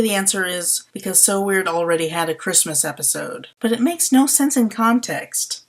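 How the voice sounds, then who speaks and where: A woman narrating a scripted TV episode review in a sarcastic, exasperated way. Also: medium pitch.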